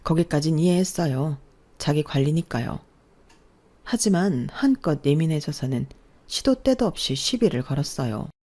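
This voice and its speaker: A woman narrating a radio-drama story in a calm, confiding way. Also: deep voice, moderate pace.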